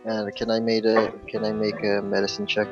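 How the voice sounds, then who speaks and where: A young man playing a tabletop game, halting and giggly as he speaks. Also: on the low side, monotone. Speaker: player. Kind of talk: casual tabletop game chat. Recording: dull lo-fi sound with faint music.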